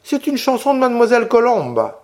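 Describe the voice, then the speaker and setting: A man voicing a young peasant girl in an audiobook reading, with an eager, breathless, high-pitched child voice. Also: wildly swooping pitch, brisk, a little mellow, full character voice. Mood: startled. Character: young peasant girl, timid but loyal.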